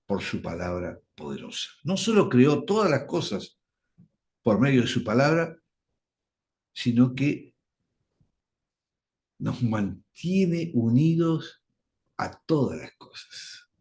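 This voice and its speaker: A man leads a radio Bible study. He talks slowly and deliberately, his pitch swinging widely as he leans on the key words. He sounds like a patient teacher explaining point by point. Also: sing-song, darkish tone.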